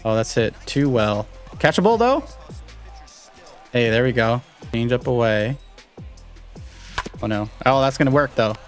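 A young man giving live commentary on a baseball video game he is playing, talking to his viewers and reacting loudly to each play, with faint music behind him. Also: medium pitch, normal speed, pauses often. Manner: excitable, talks to viewers while playing. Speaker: gaming YouTuber.

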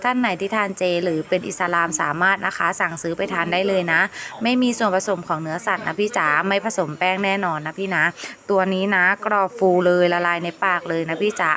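A woman live seller giving a repetitive, coaxing sales pitch to viewers, with polite endearing address.

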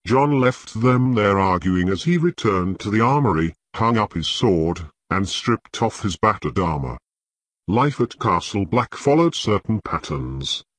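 A man narrating an audiobook in a measured, expressive storytelling manner. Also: fairly low pitch, no room sound. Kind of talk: scripted narration.

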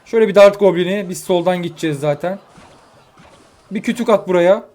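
A young man giving live commentary on his own mobile game matches, excitable and quick to vent frustration at his opponents. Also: high voice. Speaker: gaming YouTuber. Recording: faint music behind.

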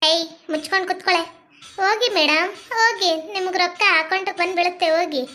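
Woman as sing-song, leering cellmate in a comic skit; high voice. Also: fast talker, sharp tone. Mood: taunting. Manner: taunting, sing-song repetition. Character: pushy, leering female cellmate, bossy.

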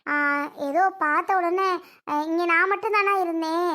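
A child voicing a gentle, tearful young married woman who pleads and apologizes. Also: very high-pitched, fairly even intonation, normal speed, exaggerated voice. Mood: pleading. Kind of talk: homemade family drama.

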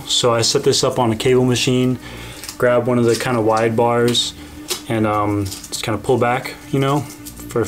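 A young man in his twenties talks through a home vlog voiceover in an easy, rambling way, full of fillers. His pitch sits in the middle of the range. Clear background music runs under his voice. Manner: relaxed, rambling with many fillers. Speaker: fitness vlogger.

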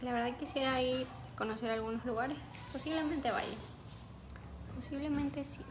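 Using a phone on a ring light stand in a small indoor room, a young woman from Ecuador hosts a casual livestream, reading viewers' names aloud and responding. She speaks at a normal speed in a high voice with fairly even intonation, and background noise can be heard.

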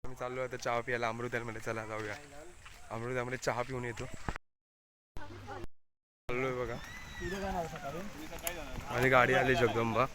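A man's voice: medium pitch, very animated, unhurried, long pauses, crowd noise. A man with a Konkan Marathi accent, vlogging casually as he walks through a rainy village and points things out to viewers. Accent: Konkani-region Marathi. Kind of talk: casual travel vlog chat. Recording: outdoor noise in the background.

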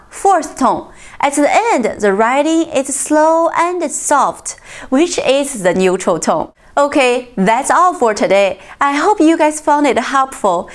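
Slow, lively-voiced woman teaching tones. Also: high voice. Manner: slow, clear modelling of tones, friendly. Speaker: Mandarin teacher. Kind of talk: YouTube language lesson.

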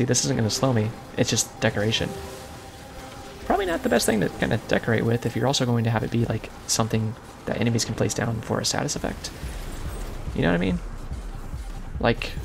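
A soft-spoken young man giving casual, rambling gameplay commentary with jokey asides. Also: mid-range voice, gravelly. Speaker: gaming YouTuber.

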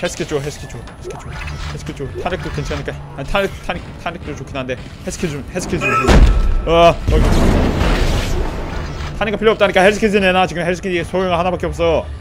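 A man doing let's play commentary on a horror game, pleading with and yelling at enemies in a panic, then muttering to himself as he plays. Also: fairly high pitch, fast. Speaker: gameplay commentator. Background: loud horror game music and sound effects.

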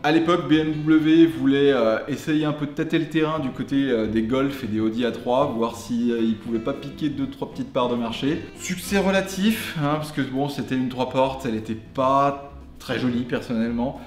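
A man's voice: medium pitch, moderate pace. A man hosting a casual car video with a tongue-in-cheek manner, full of slangy joking asides. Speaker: host of a car show. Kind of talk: casual scripted car presentation to camera. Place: garage, indoors. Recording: roomy garage echo, faint music behind.

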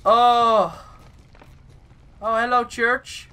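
A man giving excitable let's play commentary on a game, swearing often and slipping English phrases into his talk. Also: very high voice, extremely slow. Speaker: gaming video host. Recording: steady background noise.

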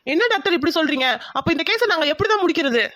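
This is a determined male police inspector in an animated crime story. He questions people firmly and keeps insisting on answers. The voice sits high and sounds close and dry. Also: very fast, dry recording, heavily acted. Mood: urgent. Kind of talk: cartoon voice acting.

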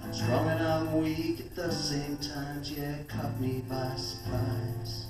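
A middle-aged man with a slightly high voice talks slowly and easily, telling corny jokes before singing worship songs. He plays loud acoustic guitar under his voice. The sound comes from an echoey church sanctuary with the voice a little far from the mic. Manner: relaxed, chatty between songs, tells corny jokes. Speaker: church singer-songwriter. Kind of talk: joking talk and sung worship with guitar. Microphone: stand mic, filmed from a distance.

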